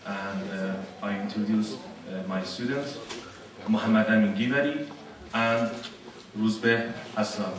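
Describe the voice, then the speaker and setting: A man, a teacher introducing his students, halting with fillers. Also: lowish voice, crowd noise. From Iran. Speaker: teacher leading a student team. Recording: echoey hall, distant mic, noise.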